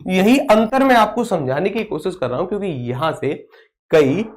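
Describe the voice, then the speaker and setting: A man's voice: high-pitched, animated, normal speed. Man teaching a live online class. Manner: repeats questions and answers them himself; reads out and answers viewer comments.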